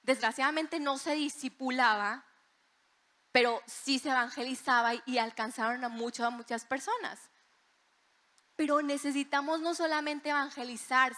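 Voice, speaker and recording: Woman, sermon, high-pitched, vivid storytelling. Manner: animated storytelling, acts out voices in quotes. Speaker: preacher. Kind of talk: sermon with personal testimony.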